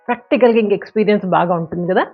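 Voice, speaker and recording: A woman's voice: medium pitch, very fast, slightly rough, narrow, tinny audio, soft background music. A woman giving a conversational motivational talk and telling a fable, with playful sound words. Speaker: motivational speaker.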